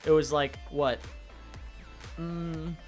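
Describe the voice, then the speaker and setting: A man's voice: a little high, fairly even intonation, very slow. A young man hosting a gaming channel, giving a casual, rambling update with lots of restarts and fillers. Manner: rambling, self-correcting, laid-back. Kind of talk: casual update vlog over gameplay. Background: soft background music.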